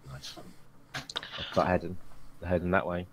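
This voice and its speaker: Low-voiced male tabletop player. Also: steady tone, normal speed, slight background noise, rough recording. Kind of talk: casual in-character play.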